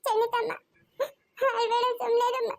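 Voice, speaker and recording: A woman's voice: very high-pitched, monotone, moderate pace, creaky, pitched above the performer's own voice. A woman voicing a small boy who soothes his crying mother and keeps begging her not to cry. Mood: pleading. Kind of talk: family drama acting.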